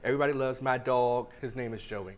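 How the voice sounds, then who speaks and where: A man's voice: mid-range voice, fast. A man speaking as defendant on a TV court show, defending himself in a casual, defensive way. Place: TV courtroom set.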